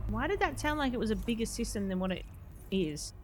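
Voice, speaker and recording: A woman's voice: a little high, expressive, brisk, noisy background. A woman casually chatting while live-streaming a game, laughing often and answering her chat. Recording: music playing behind the voice.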